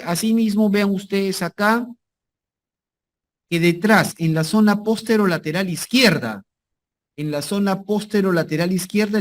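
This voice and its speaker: A male anatomy lecturer talks his class through slides in a slightly raised register. He repeats each key term and keeps asking whether his students follow. Now and then he throws in a jokey aside. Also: sits high.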